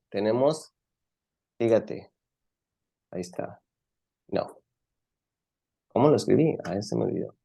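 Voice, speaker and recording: A man's voice: mid-range voice, creaky, warm tone. A man teaching English comparatives in an online class, switching between languages and patiently repeating words for his students.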